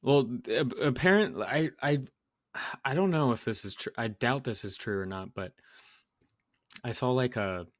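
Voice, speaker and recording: A man's voice: medium pitch, normal speed, dry recording, studio quality. A young man co-hosting a casual podcast, talking in a laid-back, hesitant way with many fillers. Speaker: podcast co-host. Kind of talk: casual banter.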